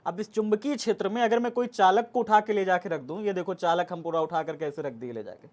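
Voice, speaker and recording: A man's voice: sits high, fast talker. A man teaching a physics class, repeating each point and urging students to keep up. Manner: repetitive, coaxing, urging students to hurry. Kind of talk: classroom lecture.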